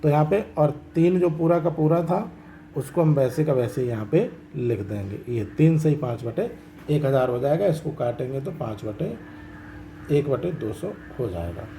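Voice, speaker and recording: A man's voice: a little high, animated, normal speed, creaky, warm tone, a little hiss or hum, rough recording. Man teaching maths step by step. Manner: explains step by step, asks checking questions. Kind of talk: classroom lesson explaining decimals.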